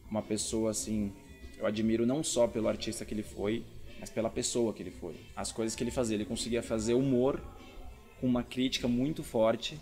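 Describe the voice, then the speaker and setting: A man's voice: lowish voice, darkish tone. A man with a Brazilian accent, a comedian explaining things casually in an interview, repeating words for emphasis. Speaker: stand-up comedian being interviewed.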